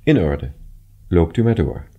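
A man voicing an officious male inspector in a storybook reading, brisk and louder than the narration. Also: deep voice, big pitch swings, narrow, tinny audio, full character voice.

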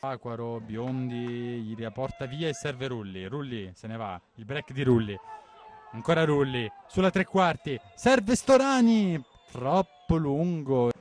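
A man giving breathless, excited football play-by-play commentary, urgently repeating players' names and phrases. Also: mid-range voice, a little slow.

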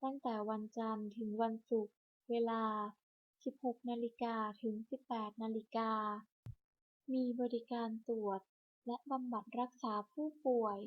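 A woman reading a scripted hospital clinic announcement over a public address system, in a measured, list-by-list delivery. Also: on the high side, fairly even intonation. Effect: broadcast over a hospital public address system. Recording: muffled lo-fi loudspeaker broadcast.

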